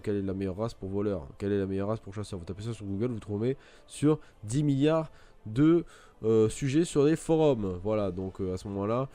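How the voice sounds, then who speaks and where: A man's voice: lowish voice, warm tone. A man giving a casual, rambling game tutorial, full of fillers and restarts. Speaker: gaming video creator. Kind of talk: casual gameplay tutorial commentary.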